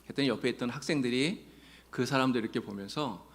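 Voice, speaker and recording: This male preacher addresses his congregation earnestly in a church sanctuary, dropping folksy jokes between stretches of teaching. He has a mid-range voice and talks fast.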